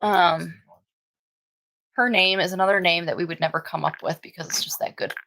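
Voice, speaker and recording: A woman's voice: fairly low pitch, steady tone, moderate pace, vocal fry, fairly bright tone, low-quality recording. A woman, chatting casually on a livestream with frequent ums. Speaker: dog breeder and livestream host.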